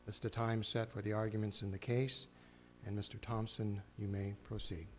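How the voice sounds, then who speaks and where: A man presides as judge with a formal courtroom address. His voice is fairly low and very even in tone, over a faint hum. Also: moderate pace. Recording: faint hum and background noise.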